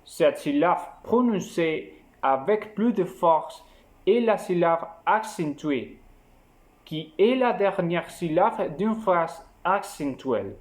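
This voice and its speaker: A man narrating a scripted lesson in a slow, measured, explanatory way. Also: high voice, lively intonation. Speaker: teacher.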